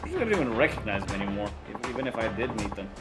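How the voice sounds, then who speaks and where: A man's voice: on the low side, big pitch swings, very fast. A man giving casual, wry and joking commentary as he co-hosts a video game let's play. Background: video game music.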